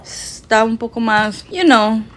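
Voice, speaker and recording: Young mexican woman cohosting, laughs a lot, flips spanish and english, kinda high voice. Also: lively intonation, slow pace, fairly bright tone, a little hiss or hum. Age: 20s. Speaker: podcast co-host. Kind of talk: casual chat.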